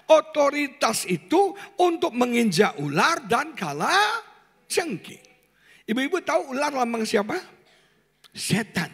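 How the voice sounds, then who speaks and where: A man preaching a sermon to a congregation, talking in a colloquial, animated way and often asking the people questions. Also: high-pitched, slightly rough. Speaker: pastor. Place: church service hall. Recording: reverberant church hall.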